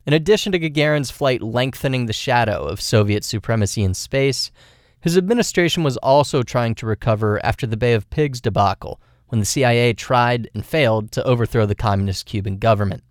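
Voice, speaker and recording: A man's voice: mid-range voice, brisk, no echo, studio quality. A man narrating a scripted radio news feature as a reporter.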